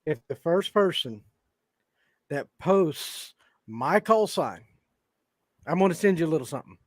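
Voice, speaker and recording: A man's voice: a little high, animated, unhurried, no room sound, clean studio sound. A man co-hosting a ham radio livestream, talking offhand over a video call that keeps breaking up and stuttering. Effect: glitchy video call audio, breaking up and stuttering. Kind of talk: casual chat.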